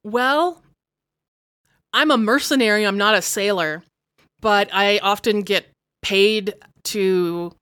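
A woman player chatting in character during a tabletop game, in a relaxed, chatty way. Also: medium pitch, slow pace, pauses often, clean tone, no echo, studio quality. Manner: relaxed, chatty, laughs often.

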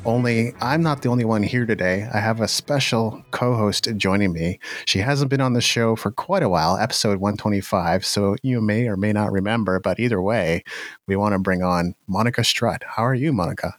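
A man hosting a podcast, chatting in a relaxed way and laughing often. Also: on the low side, fairly quick, no room sound, studio quality. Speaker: podcast host. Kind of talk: casual interview chat.

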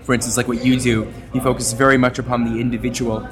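A man from Canada, a journalist and podcaster, talking at length as an interview guest, with a wordy, expressive manner that plays with his voice. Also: medium pitch, fast, music in the background. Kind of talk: casual interview talk.

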